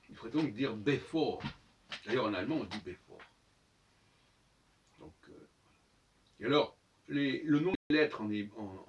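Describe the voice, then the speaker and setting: A man's voice: medium pitch, recorded from a distance. A man talking alone on his own channel, thinking aloud with many hesitations and restarts, sometimes spelling out letters one by one. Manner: halting, with frequent fillers and restarts. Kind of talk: unscripted solo monologue.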